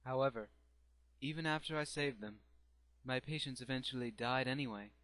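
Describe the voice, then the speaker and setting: A man's voice: mid-range voice, moderate pace, fairly bright tone, no echo, close to an everyday voice. A man playing a grieving, obsessed doctor turned necromancer in a theatrical, brooding anime fandub monologue. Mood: solemn, intense.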